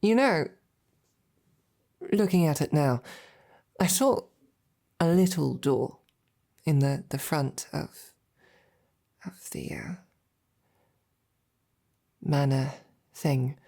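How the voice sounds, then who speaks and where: Playing a devoted female royal knight full of self-doubt, a woman speaks in a low, gravelly, dark-toned voice in an intimate roleplay audio. Her delivery is hesitant, informal and tender, extremely slow with frequent pauses and an exaggerated voice, carrying a curious, gentle mood.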